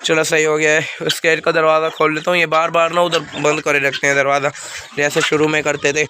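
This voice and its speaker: Feverish and under the weather, this young vlogger speaks with a Pakistani Urdu accent in a fairly high voice, fairly quick and completely flat. He chats casually to his audience as he feeds the birds he keeps on an outdoor rooftop enclosure, where clucking chickens and birds add to the background noise.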